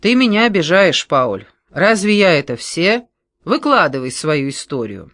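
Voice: mid-range voice, big pitch swings, measured pace, a bit bright, no echo, clean studio sound. A reader voicing a romantic, cheerful middle-aged head forester who eagerly asks questions, in an audiobook. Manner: eager, cheerful, solemn at times.

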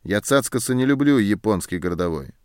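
Guy doing a loud harsh army sergeant, yelling and scornful, dry close sound. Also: on the low side, animated, brisk, no room sound, close to an everyday voice. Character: gruff short-tempered male army sergeant.

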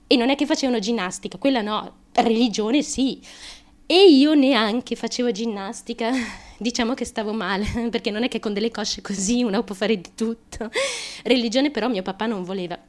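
Playing a troubled young woman, this actress delivers a crude, confessional radio theatre monologue, close and intimate, nervous and halting, swinging abruptly between emotions. Her fairly high voice is lightly acted, with a nervously amused mood.

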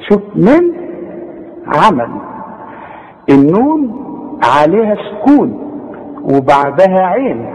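Male Tajweed teacher with an Egyptian accent. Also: a little high. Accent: Egyptian Arabic. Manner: explains step by step, asks the listener questions, slowly chants example words. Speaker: Quran recitation teacher. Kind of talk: Tajweed lesson. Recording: echoey, dull old cassette recording.

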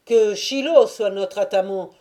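A woman reading an audiobook and voicing a crowd of rowdy, drunken male Cossacks with shouted, high-pitched cries. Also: unhurried, natural voice. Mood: shouting. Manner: shouting, rough, cries of names.

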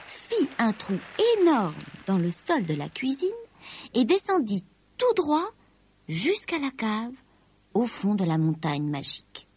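A woman reading a children's story aloud in a slow, expressive, lilting way. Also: mid-range voice, slightly rough.

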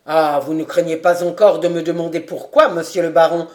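Woman doing a severe old marshal in an audiobook, lowish voice, loud and scornful, roomy echo. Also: normal speed, natural voice. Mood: stern scolding. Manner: severe, contemptuous scolding. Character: stern old male marshal, scornful, vehement.

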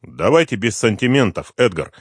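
A male audiobook reader voicing a calm, commanding middle-aged detective who speaks firmly and in a controlled way. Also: medium pitch, normal speed, husky, no room sound, clean studio sound, voice pushed up. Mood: cool. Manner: firm and controlled, rising to stern lecturing.

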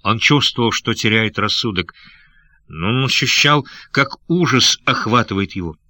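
A man's voice: medium pitch, lively intonation, normal speed, sharp tone, no room sound. A man narrating an adventure audiobook in a dramatic reading style. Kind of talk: scripted narration.

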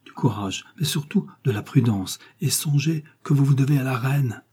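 A man's voice: medium pitch, normal speed, dark tone, husky, pitched above the performer's own voice, lightly acted. A man voicing an anxious young woman. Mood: urgent.

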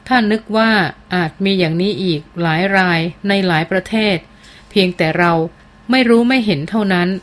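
A woman voicing a remorseful, brooding teenage boy, speaking slowly in a low, shaky voice. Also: close to an everyday voice. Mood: shaken.

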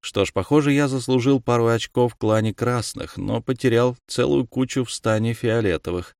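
A man narrating an audiobook in the first person, calm and measured. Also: mid-range voice, creaky, dry recording, clean studio sound.

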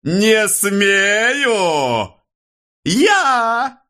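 A man reading an audiobook voices a bullying, middle-aged police officer who squeals and screams abuse in a shrill, cracking, hoarse voice. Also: very animated, drawn-out words, bright, forceful tone, heavily acted. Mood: shrieking rage.

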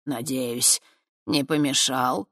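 A calm, wry old wizard who speaks low and unhurried, as an audiobook reader puts him on. Each word is measured, in a dry, close recording. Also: no echo, heavily acted. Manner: slow, low, measured speech. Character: elderly male mentor wizard, calm and wry. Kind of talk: audiobook character voice.

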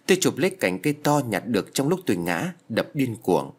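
A man's voice: medium pitch, very animated, a little fast. A man reading a ghost story aloud in a dramatic, suspenseful manner. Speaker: narrator. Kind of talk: scripted horror narration.

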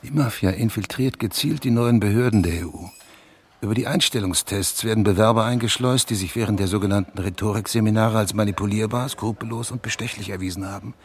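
In a German radio drama, a man with a lowish, slightly rough voice plays an intense investigative journalist hungry for an exclusive. He speaks briskly, urgently and insistently, emphatically explaining a warning while music plays behind the dialogue.

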